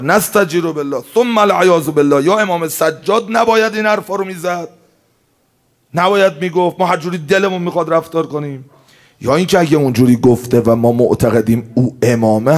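A man preaching a religious sermon in an impassioned way, rising to emphatic outbursts and dropping low again. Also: expressive.

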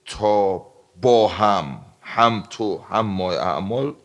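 A male preacher with a low voice full of gravel and creak. He tells stories and recites religious texts in Arabic. His delivery swings from loud emphatic outbursts to hushed, quiet passages. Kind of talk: emotional sermon with storytelling.

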